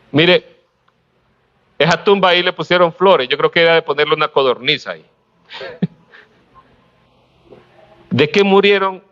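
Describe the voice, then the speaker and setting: A man preaching a sermon, pausing often and asking rhetorical questions with a light laugh now and then. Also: fairly high pitch, a bit bright, muffled recording. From Honduras.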